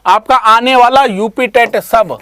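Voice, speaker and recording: A man who teaches exam prep online, addressing students fondly and repeating himself while pitching a course. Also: slow pace, bright, forceful tone. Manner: repetitive, calls listeners "beta", pushy sales pitch. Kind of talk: promotional talk to students.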